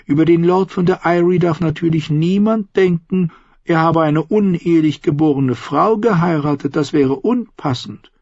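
Lysa, a shrill imperious aunt done by a man. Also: moderate pace, creaky, darkish tone, no room sound, dull audio. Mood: scheming. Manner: high-pitched, scolding, vehement. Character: shrill, imperious aunt, a noblewoman, middle-aged and hateful.

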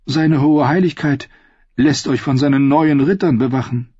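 Ein Mann liest in einem Hörbuch eine intrigante Königinmutter, gefasst und herablassend. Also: male voice, mid-range voice, moderate pace, dark tone, dry recording, lo-fi sound, lightly acted. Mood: calculating. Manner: smooth, condescending. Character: scheming older queen mother, coolly composed. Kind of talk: audiobook dialogue.

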